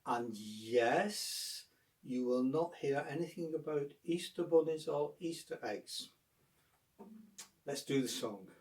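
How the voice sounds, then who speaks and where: A man's voice: mid-range voice, lively intonation, slow pace, a little mellow, distant mic. A man giving an earnest, upbeat school assembly talk to children, explaining simply like a teacher, asking questions and telling stories.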